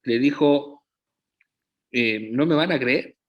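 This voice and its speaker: A male pastor, medium in pitch, preaches on a lo-fi recording. His sermon moves at a slow, deliberate pace. He often poses rhetorical questions to keep the congregation engaged.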